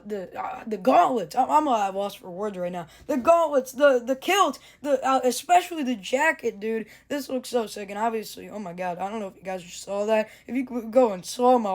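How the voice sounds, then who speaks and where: A teenage reviewer with a cracking voice, gushing excitedly in a casual toy review vlog and often saying "dude" and "oh my god". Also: medium pitch. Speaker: action figure reviewer.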